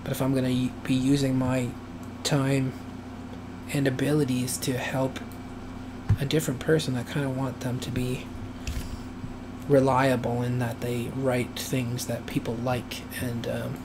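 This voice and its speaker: Working on camera, a male animator thinks out loud with frequent pauses, his medium-pitched voice dry, raspy and flat. The talk is loose and rambling, and room hum is clearly audible beneath it.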